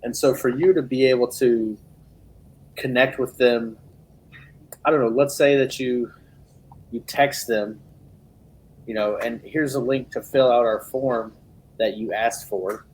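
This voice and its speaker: Husky, relaxed man talking business. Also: mid-range voice, poor audio. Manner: relaxed, acts out phone calls in quick asides. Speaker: podcast guest, business owner. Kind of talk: casual podcast chat.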